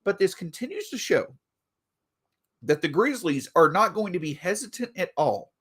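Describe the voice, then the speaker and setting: A man hosting a solo sports podcast, talking through team news in an animated way, a bit stuffy from allergies. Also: a little high. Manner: animated, reads an ad mid-show. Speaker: podcast host.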